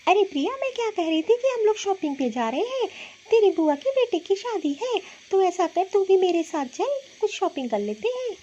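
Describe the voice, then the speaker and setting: A woman voicing a gentle, peacemaking older mother-in-law in a cartoon, in a soft, lower voice. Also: very animated, normal speed, hardly any pauses, highs cut off. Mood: soothing. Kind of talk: cartoon voice acting.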